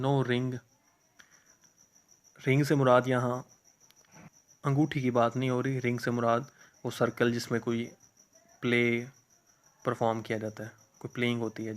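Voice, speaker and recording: A male English teacher with a Pakistani accent and a mid-range voice takes a class through a poem. He reads each English line slowly, then explains it in Urdu.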